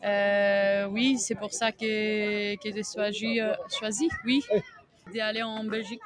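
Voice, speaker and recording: Slow, halting woman with a Greek accent. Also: mid-range voice, flat delivery. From Greece. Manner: halting, searching for words in non-native French. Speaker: tennis coach and podcast guest. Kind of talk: interview answers.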